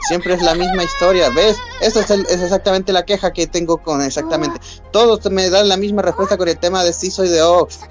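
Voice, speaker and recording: A man vents his frustration in a played-back clip, circling back over the same complaints. His voice sits a little high. Loud music plays under him throughout. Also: fairly even intonation, brisk. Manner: exasperated, repeats himself. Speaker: online streamer in a dispute. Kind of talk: exasperated ranting clip.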